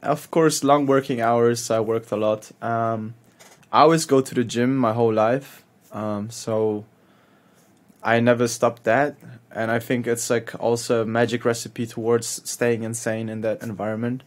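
A man's voice: mid-range voice, steady tone, unhurried. A man, a chef telling stories as a podcast guest, laughing often and talking in loose slang with casual swearing. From Hamburg, Germany. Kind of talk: casual storytelling.

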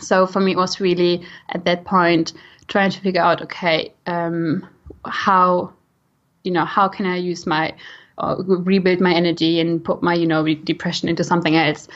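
With a fairly low, level voice at normal speed, a young German-accented woman from Germany recounts her own story as a podcast guest. She works as a nutrition coach, and the slightly lo-fi audio comes across dull.

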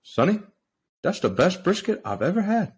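Guy doing a jolly old welsh man, accent slides kinda aussie, way high squeaky voice. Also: big pitch swings, normal speed, slightly rough, exaggerated voice. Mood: hearty praise. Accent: Welsh, slipping toward Australian. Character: cheery older Welsh man giving praise.

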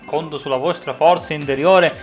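A man giving live commentary over his racing game as a streamer, swinging from low mutters to frustrated yells. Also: moderate pace, soft background music. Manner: excitable, swings from mutters to yelling. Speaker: gaming streamer.

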